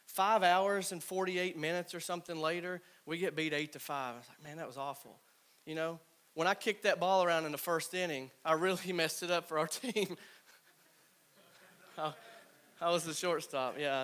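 A man in his thirties tells a team stories from his playing days, acting out his old teammates as he goes. His voice sits fairly high for a man, and it drops to soft murmurs for the asides. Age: 30s. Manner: animated storyteller, acts out quoted teammates. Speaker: former college baseball player speaking to a team. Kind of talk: storytelling talk to players.

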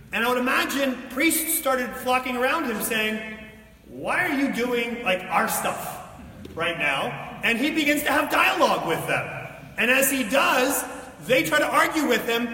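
In an echoey hall recorded on a distant mic with faint noise, a man delivers an informal, colloquial sermon, telling a story and explaining it with asides. His voice is very high, pushed, and bright.

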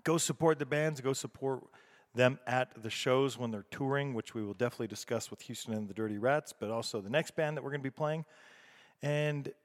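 A man's voice: mid-range voice, a little fast. A man casually hosting a music podcast, recorded in a garage. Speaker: music show host. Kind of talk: casual podcast announcing between songs. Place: indoors in a garage. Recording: echoey garage, long reverb.

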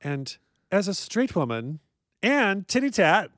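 A man with a fairly high, very animated voice, recorded close and dry. He banters as a talk show co-host in a campy drag-queen manner, stretching words for theatrical emphasis. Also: measured pace, no echo.

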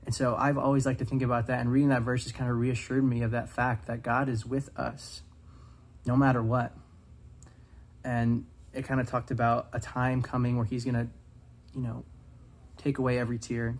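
Brisk and earnest, a young man in his twenties gives a casual devotional talk as a student speaker. His mid-range voice barely moves in pitch, he says "um" a lot, and he reads passages of scripture aloud.

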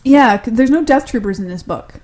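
A woman's voice: a little high, expressive, brisk, darkish tone. A young woman co-hosting a podcast, chatting casually and enthusiastically, swearing freely. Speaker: podcast co-host.

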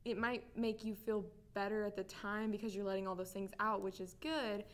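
A woman's voice: mid-range voice, steady tone, moderate pace. A woman in a group discussion adding her own view in a thoughtful, hesitant way. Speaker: discussion participant. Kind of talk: casual chat.

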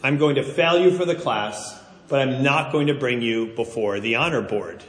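A man's voice: mid-range voice, normal speed, voice pushed down, natural voice. A man voicing a stern male university professor in a sermon story, speaking in a clipped way. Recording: roomy hall reverb.

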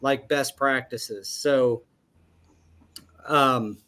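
A man hosts a casual trade podcast, leading the talk with loose phrasing, fillers and restarts. His voice sits at a middle pitch, and his tone is easygoing. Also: steady tone, drawn-out words, pushed and bright. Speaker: podcast host. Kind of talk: casual panel discussion.

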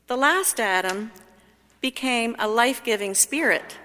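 A woman lector reading scripture slowly and deliberately in a liturgy, her voice carried on a long cathedral-like echo. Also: fairly high pitch, a bit bright. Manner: measured, deliberate phrasing. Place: large church. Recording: long reverb of a large church.

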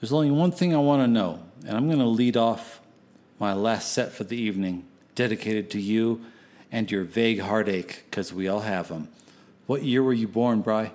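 A man with a lowish voice hosts a late-night radio show. He rambles between records in a folksy, theatrical style and swears freely on air. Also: normal speed, darkish tone.

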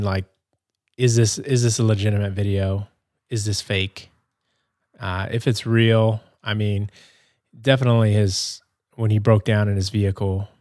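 A man hosting a podcast, talking casually and hesitantly while playing a game, with many pauses and restarts. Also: lowish voice, no echo, clean studio sound. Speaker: podcast host. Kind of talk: casual gameplay commentary.

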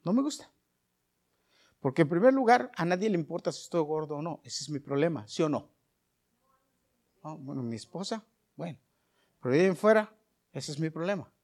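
A middle-aged pastor delivers a sermon in a fairly high-pitched male voice. He drifts into soft, conversational storytelling, then climbs into loud, emphatic preaching. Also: animated, a little fast, pauses often. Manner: swings from soft asides to loud preaching bursts.

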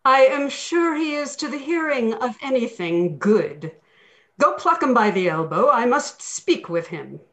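A man's voice: very high-pitched, very animated, measured pace, fairly bright tone, pitched above the performer's own voice, full character voice. A man voicing a stern, commanding nobleman who gives cutting orders. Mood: imperious. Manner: imperious, cutting. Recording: tinny phone-like sound in an echoey room.

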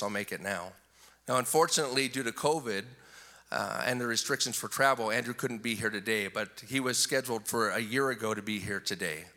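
A male pastor preaching an animated, enthusiastic sermon, often repeating words as he gets excited. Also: lowish voice, long reverb tail.

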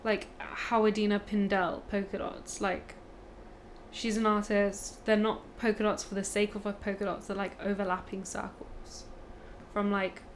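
A woman's voice: medium pitch, level tone, normal speed, slight background noise. A woman from Punjab, an artist, chatting playfully and bluntly about art and taste. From Punjab, India. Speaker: artist, podcast guest. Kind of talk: casual chat.

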